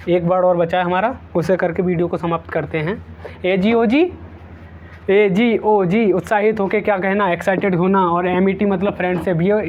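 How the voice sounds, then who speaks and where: In a muffled recording with a little hiss or hum, a high-voiced man runs an exam-prep vocabulary lesson. He repeats every word several times and leans on playful memory tricks.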